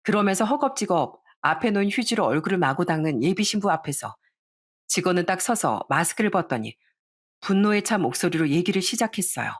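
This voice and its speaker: A woman reading a dramatic first-person story in a measured, storytelling manner. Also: fairly low pitch, big pitch swings, breathy edge.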